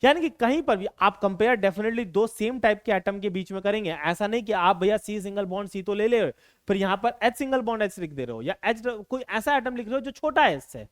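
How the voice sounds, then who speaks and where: Male chemistry tutor, online lecture; lively swooping delivery, coaxing and repetitive, dry close mic. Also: high voice, dry recording. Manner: slow dictation, repeating phrases; coaxing, calls students beta and bhai. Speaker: chemistry teacher. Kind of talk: online exam-prep lecture.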